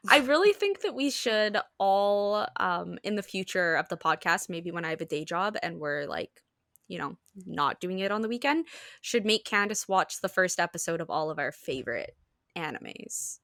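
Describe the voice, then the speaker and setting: Woman, podcast co-host, excitable, laughs a lot, dry close sound. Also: fairly low pitch, moderate pace, creaky, dry recording. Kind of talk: casual chat.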